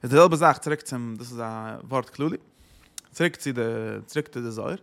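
A man teaching a religious text lesson. He asks himself questions, answers them, and hits sudden loud stresses. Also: medium pitch, moderate pace, vocal fry. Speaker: Torah teacher.

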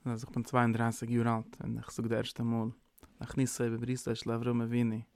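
A man's voice: medium pitch, monotone, fairly quick, a little mellow. A man giving an informal, rambling sermon, mixing in English words. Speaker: preacher. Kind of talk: informal Yiddish-tinged sermon.

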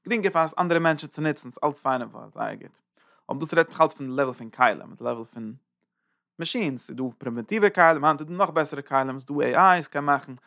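A man's voice: a little high, animated, fairly quick, gravelly, sharp tone, dry recording, studio quality. A man teaching a Torah lecture, thinking aloud and searching for words as he explains. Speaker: religious teacher.

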